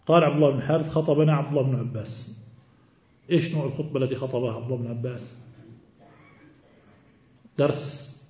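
A man giving a classroom hadith lecture, explaining slowly and quizzing his students with questions. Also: medium pitch, fairly even intonation, darkish tone. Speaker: teacher of hadith. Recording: roomy, dull recording.

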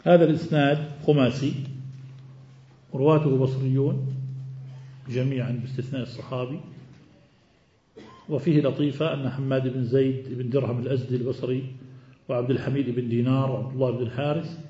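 A man giving a classroom hadith lecture, explaining slowly and quizzing his students with questions. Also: medium pitch, fairly even intonation, warm tone. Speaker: teacher of hadith. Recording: roomy, dull recording.

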